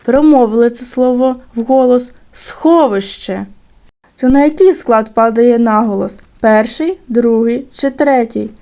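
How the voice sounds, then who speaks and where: Woman teacher doing a video lesson for little kids, kinda high voice, slow clear words. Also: steady tone, mellow. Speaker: primary school teacher. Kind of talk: recorded video lesson for second graders.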